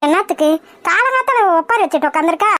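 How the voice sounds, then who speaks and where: A sharp-tongued old grandmother, nags and scolds in a shrill cartoon voice pitched very high. She talks quickly with a bright, cutting edge. The sound is close and dry. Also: expressive, no echo. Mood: scolding. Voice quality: shrill, nagging. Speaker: cartoon voice actor. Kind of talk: cartoon comedy voice acting.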